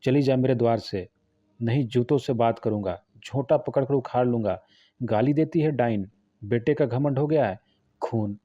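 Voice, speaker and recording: A man's voice: mid-range voice, normal speed, dry recording, dull audio, close to an everyday voice. A man voicing a hot-headed young village man who speaks with bitter resentment, read in his own voice for an audiobook. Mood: raging. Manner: shouting threats, bitter.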